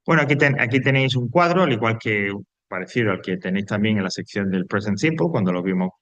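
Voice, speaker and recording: A man's voice: lowish voice, lively intonation, fast, a bit bright, no echo. A man recording an online English grammar lesson for Spanish speakers, patiently repeating each rule step by step. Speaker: English teacher.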